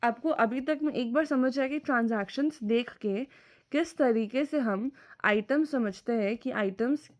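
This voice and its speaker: A woman's voice: fairly high pitch, unhurried. A woman teacher giving a recorded accounting lecture, explaining step by step and often checking whether her students follow. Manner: mixes English terms into Hindi speech.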